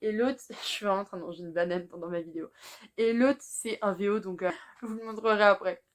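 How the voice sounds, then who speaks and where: A woman's voice: mid-range voice, fairly even intonation, quick pace. A teenage girl chatting casually to camera about books she bought, with lots of fillers and little laughs. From France. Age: teens. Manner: chatty, many fillers, laughs between phrases. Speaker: booktuber. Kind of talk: casual chat.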